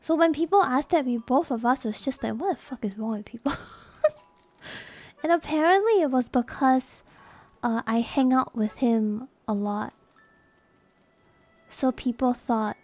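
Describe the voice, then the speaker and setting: A woman's voice: a little high, a little mellow. A young adult woman streamer chatting casually and candidly with her viewers, laughing often and swearing freely.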